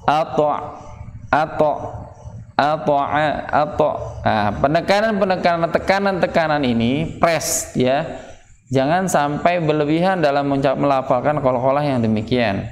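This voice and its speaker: A man's voice: on the high side, normal speed, a little hiss or hum. A man teaching Quran recitation rules to adults in a prayer room, patiently drawing out example words. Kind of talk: tajwid lesson in a prayer room. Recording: echoey room with long reverb.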